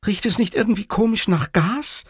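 A man voicing a sharp-tongued, scolding woman. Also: sits high, animated, moderate pace, breathy edge, no echo, voice pushed up, heavily acted. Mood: startled. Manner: scolding, curt. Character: irritated sharp-tongued woman, the hero's partner.

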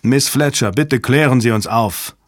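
A man's voice: medium pitch, measured pace, no echo, clean studio sound, close to an everyday voice. A man reading an audiobook, voicing a stern male director who speaks curtly and commandingly. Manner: curt, commanding. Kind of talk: audiobook character voice.

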